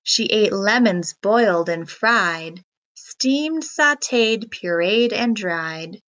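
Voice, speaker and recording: A woman reads a children's picture book aloud, taking a deliberate, expressive storytelling approach. Her voice sits at a medium pitch, as befits a read-aloud narrator.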